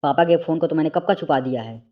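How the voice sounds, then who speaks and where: A man's voice: a little high, fast, narrow, tinny audio, lightly acted. A man voicing a menacing middle-aged male family friend who talks in a cold, mocking way, in a storybook reading.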